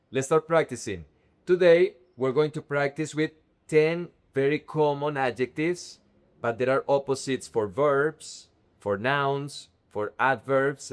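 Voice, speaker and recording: Slow, careful man teaching Spanish. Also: medium pitch. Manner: enunciates each word, repeats it slowly with stressed syllables. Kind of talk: slow, careful language lesson.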